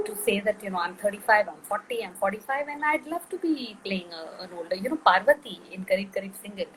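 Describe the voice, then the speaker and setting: A woman's voice: mid-range voice, a little hiss or hum, poor audio. A middle-aged woman, a film director being interviewed, speaking thoughtfully with frequent fillers and restarts. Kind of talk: interview conversation.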